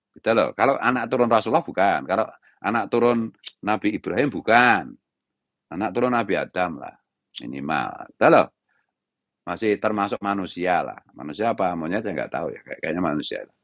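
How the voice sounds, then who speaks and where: Stern Javanese-accented man scolding loudly. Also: expressive, a little fast, no room sound, highs cut off. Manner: harsh, raised-pitch scolding delivery; repeats "gitu loh" as a tag. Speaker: Islamic preacher giving commentary. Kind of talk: impassioned monologue.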